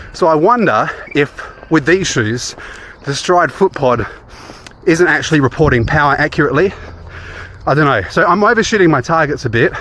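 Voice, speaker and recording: A man's voice: fairly high pitch, a bit bright. An Australian man chatting casually in a running vlog, recorded outdoors. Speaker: running vlogger. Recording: clear outdoor background noise.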